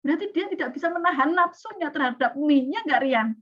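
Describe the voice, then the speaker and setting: A woman's voice: sits high, animated, fast talker, fairly bright tone. A woman, lecturing a class and often asking her students questions. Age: 40s. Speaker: teacher. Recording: dull lo-fi recording.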